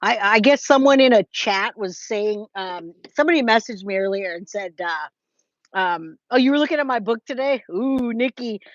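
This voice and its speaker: Speaking at normal speed with a fairly high pitch, a California woman in her forties hosts a true crime livestream and casually replies to comments. She's informal and emphatic, often repeats herself for effect, and uses guys, babe, and my love for her viewers. There's no echo, though the highs are cut off.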